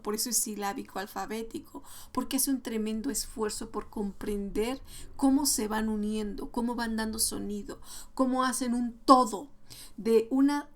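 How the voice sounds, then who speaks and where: A woman explaining to parents how to read with young children, patient and step by step, slowing down to sound out words. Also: a little high. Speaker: early literacy educator.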